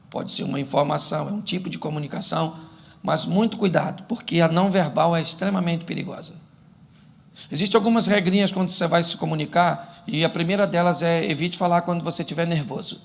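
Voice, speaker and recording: A man's voice: fairly high pitch, fairly even intonation, brisk, vocal fry. A man from Brazil, a pastor giving a humorous sermon, telling stories and acting out couples' quarrels in a church. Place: church before a laughing congregation.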